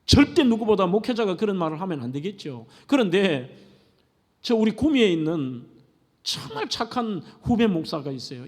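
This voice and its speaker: A middle-aged male pastor delivers a sermon in a high, animated voice that swings widely in pitch. He speaks earnestly and often turns to the congregation with rhetorical questions. His words ring out with a long reverb through a church sanctuary.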